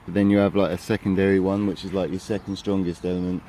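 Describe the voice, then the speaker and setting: Man, low-pitched, rambling and filler-heavy; outdoor phone vlog with faint street noise. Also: flat delivery, quick pace, warm tone. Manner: rambling, filler-heavy, tags lines with "innit, yeah?". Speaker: vlogger. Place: outdoors in an urban area. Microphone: handheld phone camera.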